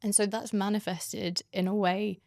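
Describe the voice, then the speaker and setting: A woman's voice: mid-range voice, flat delivery, normal speed, gravelly, a little mellow, dry recording, clean studio sound. A woman hosting an interview, thoughtfully summing up her guest's points before she asks her questions. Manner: reflective, summarizing the guest's points. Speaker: podcast host.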